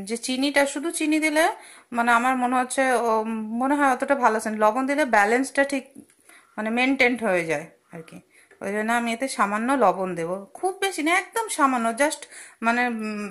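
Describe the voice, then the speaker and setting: Frying and sizzling sound in the background as this young home cook, recorded by phone in her kitchen, walks through her recipe at a gas stove for her cooking channel. She's chatty and full of fillers and asides, speaking fairly quickly in an expressive, fairly high, slightly bright voice.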